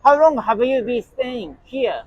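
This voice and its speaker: A man's voice: very high voice, lively intonation, a little slow, a little mellow, dry recording, dull audio. A man, interviewing people on the street with short, repeated questions. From Japan. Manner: short repeated questions, frequent brief acknowledgements.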